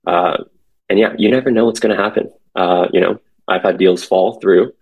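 A young man with a low, gravelly voice speaks hesitantly at normal speed, full of fillers but relaxed, and the recording sounds lo-fi. Born in Korea and raised in the San Francisco Bay Area, he's a commercial real estate associate appearing as a guest in a casual podcast conversation.

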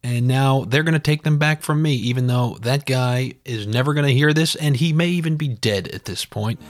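A man, hosting a comedic podcast monologue. He rants sarcastically, pokes fun at himself and rambles through his stories in an average-pitched voice. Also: normal speed. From New York. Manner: sarcastic, ranting, self-deprecating. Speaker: podcast host.

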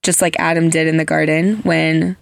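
Woman host, gravelly low-ish voice, dry close sound, chatty and earnest. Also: level tone, moderate pace, dry recording. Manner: chatty, heavy use of "like" fillers; earnest, gushing storyteller. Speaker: podcast host. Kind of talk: casual chat.

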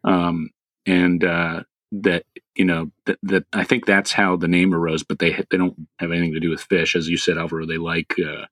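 A man with a very low voice chats casually about wildlife. He talks in a loose, rambling way, full of fillers and restarts. The recording is dry and close. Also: little pitch movement, normal speed, fairly bright tone, no echo. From Philadelphia area, US. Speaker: podcast co-host. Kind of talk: casual birding chat.

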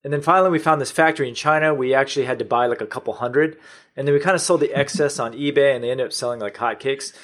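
A middle-aged man from the United States talks as a podcast guest. His voice sits at an ordinary middle pitch, and he tells his story in a plain, matter-of-fact way. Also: quick pace, fairly bright tone. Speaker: podcast guest, online store owner. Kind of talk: conversational interview.

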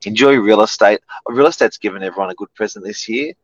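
Deep-voiced Australian man, upbeat. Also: quick pace, no echo, lo-fi sound. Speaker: real estate agent co-host. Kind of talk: casual chat. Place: in a parked car.

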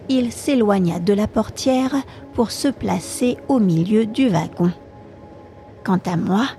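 A woman storyteller reading a classic novel aloud for a podcast in a calm, measured way. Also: mid-range voice.

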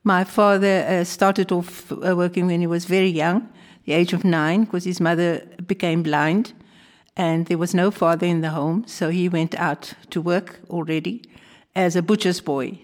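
A retired older woman with a South African accent, recounting her family background in a composed, measured way. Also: on the low side, fairly even intonation. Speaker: guest. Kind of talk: conversational family interview.

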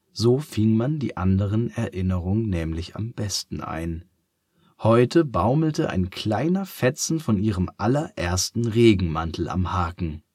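A man narrating a children's story in a calm, measured reading voice. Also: on the low side, slightly rough, no echo, clean studio sound.

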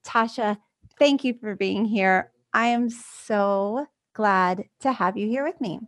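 A woman's voice: mid-range voice, takes it slowly. A woman hosting a podcast as an encouraging, upbeat life coach, chatting directly to her listeners.

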